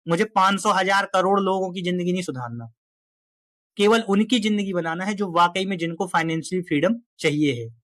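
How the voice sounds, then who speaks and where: A man's voice: high voice, a little fast, a bit bright, no echo. A man speaking directly to viewers about investing in a casual, emphatic, exhorting way. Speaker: finance YouTuber. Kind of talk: direct-to-camera finance talk.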